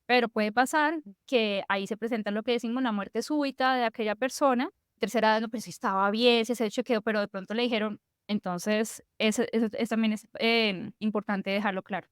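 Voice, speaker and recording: A woman's voice: a little high, steady tone, a little fast, few pauses, smooth, no room sound, studio quality. A woman physician, explaining at length in a conversational interview, with frequent fillers and restarts.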